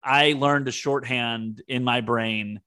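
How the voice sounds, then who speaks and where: A man's voice: medium pitch, steady tone, takes it slowly, bright, forceful tone. A man co-hosting a podcast, talking in an earnest, reflective way as he thinks aloud. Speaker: podcast co-host. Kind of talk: casual heartfelt conversation.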